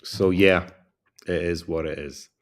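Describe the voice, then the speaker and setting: A man with a very low voice closes out a long livestream as a career coach. He sounds tired and yawns between thoughts, talking in a loose, rambling way and repeating his requests to like and subscribe. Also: steady tone, a little slow. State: tired, yawning. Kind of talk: casual livestream chat.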